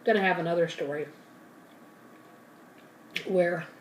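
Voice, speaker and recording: A woman's voice: lowish voice, measured pace, distant mic. A woman telling a story in loose, casual chat, stopping to eat and fixing her own details as she goes. She sits back from the mic in a roomy space, with a faint hum of ambience behind her. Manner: rambling, self-correcting, talks with mouth full. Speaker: ASMR channel host. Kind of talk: casual storytelling while eating.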